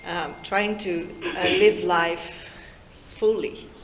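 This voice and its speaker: Unhurried woman in her fifties speaking to a roomy hall. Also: on the low side, steady tone, slight background noise. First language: Dutch. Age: 50s. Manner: slow, warm and chatty, draws in her listeners. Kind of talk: informal talk to young people. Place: meeting room in Lusaka.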